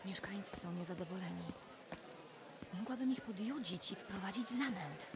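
A woman's voice: medium pitch, normal speed, heavy background noise, close to an everyday voice. A woman voicing a determined, wry young reporter sneaking around in a dubbed video game. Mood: quietly scheming. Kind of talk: dubbed video game acting with muttered self-talk. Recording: game music under the voice.

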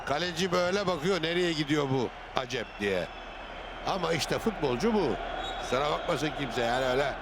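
A male football pundit with a high voice gives colloquial analysis of the match. He repeats phrases for emphasis, with very loud stadium noise around him. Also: lively intonation, brisk.

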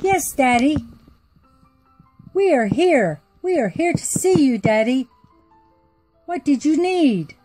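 A woman's voice: sits high, animated, takes it slowly, long pauses, faint music behind, voice pushed up. A woman doing sweet young princesses. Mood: eager. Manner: bright, childlike, eager.

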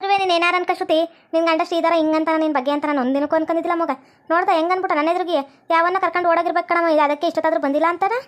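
A woman playing a meddling, deaf old village woman in a comic family skit, with a North Karnataka Kannada accent and a shrill, nagging, melodramatic way of talking. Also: fairly even intonation, very fast. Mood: indignant.

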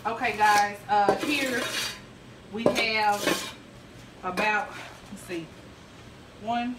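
In the large kitchen of an old house, a woman in her thirties films a home renovation vlog on her phone, chatting and thinking aloud with lots of ums. Her medium-pitched voice is fairly even and she draws out her words. The phone starts at arm's length and is later propped far away, so the room echoes and heavy background noise comes through.

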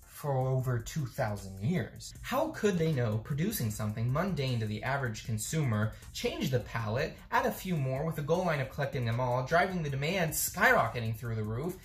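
A man's voice: mid-range voice, big pitch swings, normal speed, hardly any pauses, faint music behind. Sarcastic man narrating in an echoey room. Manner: sarcastic, self-mocking, swings into sudden mock outbursts. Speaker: YouTube creator. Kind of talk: comedic scripted vlog narration.

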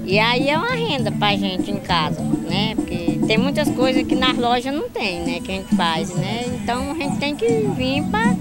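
A woman's voice: fairly high pitch, sing-song, moderate pace, hardly any pauses, loud music behind the voice. An older woman artisan at an outdoor fair, talking plainly into a handheld mic and repeating tag questions. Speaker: artisan participant. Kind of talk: street interview. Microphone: handheld reporter mic.

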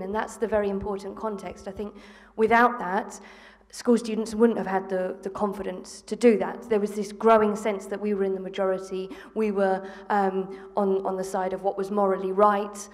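A woman's voice: mid-range voice, a little mellow. A woman in her thirties from England, a panel guest speaking earnestly into a handheld mic, with many ums and restarts. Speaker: panel guest, former school strike organiser. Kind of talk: live panel discussion. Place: theatre stage before an audience. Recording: long reverb of a theatre hall.

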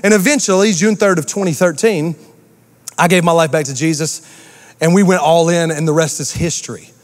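A man preaching a sermon as pastor, animated and talking straight to the congregation with asides and call-outs. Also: fairly high pitch, brisk, long reverb tail. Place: church auditorium.

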